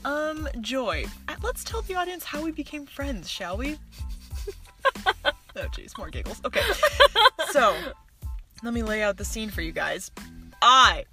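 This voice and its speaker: A woman's voice: a little high, big pitch swings, unhurried, pauses often, bright, forceful tone, faint music behind. A young woman in her twenties hosting a casual podcast, teasing her guest playfully and giggling often. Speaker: podcast host.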